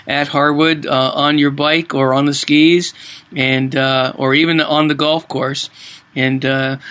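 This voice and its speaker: A man interviewing a guest, speaking in a flat way with many filler pauses. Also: medium pitch. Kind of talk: conversational interview.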